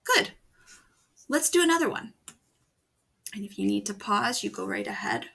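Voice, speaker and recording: Gravelly bright-voiced woman teacher. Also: mid-range voice, animated, slight background noise. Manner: slow, patient, explaining step by step. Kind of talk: video writing lesson for children.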